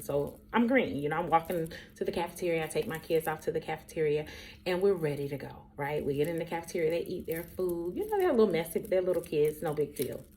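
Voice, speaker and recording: A woman in her forties, a teacher, telling a story in an animated, chatty way and talking straight to her viewers. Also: low voice, slight background noise. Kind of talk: casual storytelling vlog.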